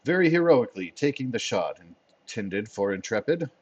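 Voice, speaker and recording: A man narrating as game master of a tabletop role-playing game, playful and quick to laugh. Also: mid-range voice, sing-song, a little hiss or hum. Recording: dull lo-fi sound.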